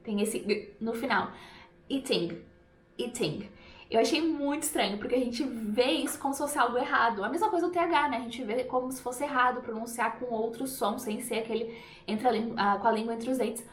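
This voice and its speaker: A Brazilian English teacher explains pronunciation in a chatty YouTube lesson, demonstrating example words as she goes. Her voice is a little high and fairly quick, and the sound is reverberant.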